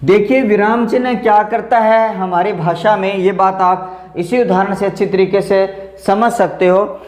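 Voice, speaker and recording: A man's voice: high voice, steady tone, measured pace, darkish tone. A man teaching a grammar lesson for an exam, explaining step by step and repeating the example phrases while he asks and answers his own questions. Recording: roomy echo.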